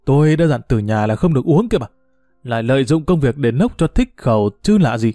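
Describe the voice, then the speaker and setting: A man voicing a sharp-tongued older wife who scolds and pries at her husband. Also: medium pitch, expressive, fairly quick, no room sound, studio quality, soft background music, natural voice. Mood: scolding. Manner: scolding, prying.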